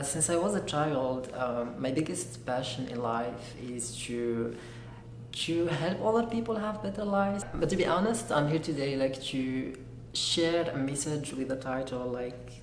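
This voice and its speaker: A young man from Algeria, giving an earnest, halting personal testimony as a graduate student. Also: mid-range voice. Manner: earnest, halting, searching for words. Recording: echoey room with faint noise.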